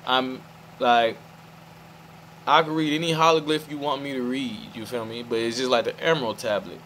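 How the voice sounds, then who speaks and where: Man, middle pitch, meandering monologue, restarts a lot, low engine hum behind. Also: fairly even intonation, normal speed, a bit bright, low-quality recording. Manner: meandering, restarts, keeps asking "you feel me". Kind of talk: rambling monologue to camera.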